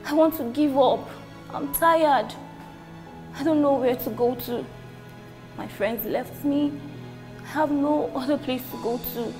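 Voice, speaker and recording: A young woman plays a worn-out, grieving daughter pleading softly for her father. Her voice is fairly high, and clear music plays behind her. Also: measured pace, long pauses. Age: 20s. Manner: soft, pleading, weary. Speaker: actor performing an audition monologue.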